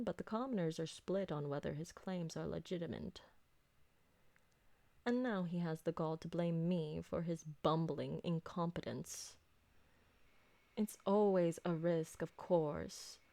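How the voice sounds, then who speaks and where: In a roleplay ASMR drama, a woman plays an elegant, possessive vampire noblewoman who dotes on her servant, speaking formally with deliberate diction. Her fairly low voice has vocal fry and a warm tone, the recording is dry, and she sounds indignant.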